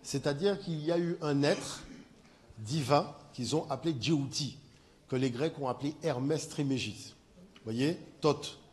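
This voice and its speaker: A man gives a conference talk, pressing his points with emphatic repetition and frequent checks that his audience is following. His voice sits fairly high for a man. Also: a little slow, a little mellow. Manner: emphatic, repeats "voyez" to engage listeners. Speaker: speaker at a conference. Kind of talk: lecture with audience discussion.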